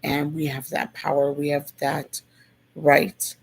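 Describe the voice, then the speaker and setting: This presenter's voice is hoarse, gravelly and rough, as if it's giving out, while they explain civics at a leisurely pace. They speak in an even, flat manner, circling back over points in a relaxed, reflective way; medium pitch, rough-sounding recording.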